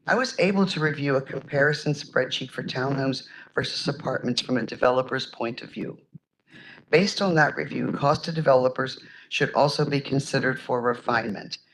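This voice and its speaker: A man and local senior-housing advocate reading prepared testimony at a public hearing in a measured way. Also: medium pitch, fairly bright tone, slight background noise, low-quality recording. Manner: measured, reads prepared remarks.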